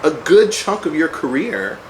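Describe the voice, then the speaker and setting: A man interviewing a boxer, asking halting, casual questions filled with ums and restarts. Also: on the high side, big pitch swings, a crowd in the background, poor audio.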